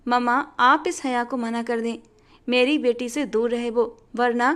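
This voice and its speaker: A woman's voice: fairly high pitch, fairly even intonation, unhurried, fairly bright tone, clean tone. A woman voicing an angry young father who speaks in a cold, clipped, threatening way while telling a story. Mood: cold anger.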